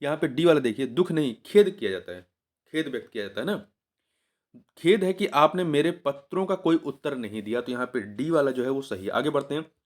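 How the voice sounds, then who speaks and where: A man's voice: medium pitch, lively intonation, brisk. A male teacher giving an exam revision lesson. He repeats each answer several times in a coaxing way and corrects himself mid-sentence.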